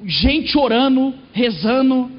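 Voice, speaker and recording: A man with a Brazilian accent, preaching from the pulpit and telling a comic testimony in an animated way. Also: very high voice, takes it slowly. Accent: Brazilian Portuguese. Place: church. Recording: echoey hall, muffled sound.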